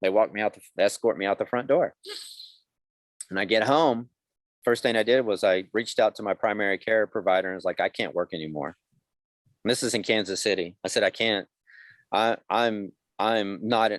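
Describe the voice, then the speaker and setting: Low-voiced man telling his story candidly. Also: steady tone, fairly quick, dry recording. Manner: candid storytelling, acts out quoted dialogue. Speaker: guest. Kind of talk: conversational podcast interview.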